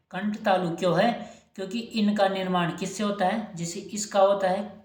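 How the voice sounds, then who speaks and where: A woman teacher running an exam-prep lesson, her voice at a middle pitch and ringing in an echoey room. She poses each question and answers it herself, repeating the key terms so they stick.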